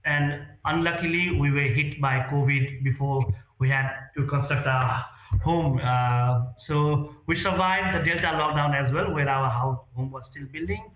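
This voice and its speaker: A man's voice: fairly high pitch, a little slow, a bit bright. Earnest man in an echoey room. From Nepal. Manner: earnest, hesitant with many fillers and restarts. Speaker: real estate sales executive, guest. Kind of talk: interview answers.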